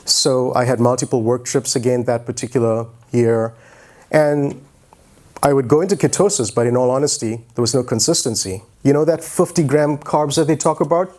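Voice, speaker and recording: Holding a handheld microphone, a guest speaker in his forties addresses an event from an indoor auditorium stage in an informal motivational talk. English is his first language. He speaks at normal speed in a medium-pitched, slightly mellow voice, telling his story loosely and conversationally with some humor.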